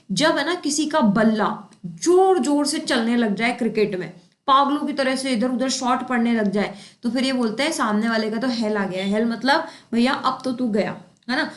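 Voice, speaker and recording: With a high-pitched, slightly bright voice, a woman prepares students for exams by explaining English idioms through memory tricks. She poses questions and answers them herself, frequently tacking on tags such as "है ना," in an echoey room.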